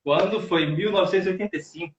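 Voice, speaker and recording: A man in his thirties with a Northeastern Brazilian accent tells stories as a guest on a casual live chat, repeating words while searching for the next. His voice is high-pitched and rapid-fire, and the audio is roomy, dull, and lo-fi.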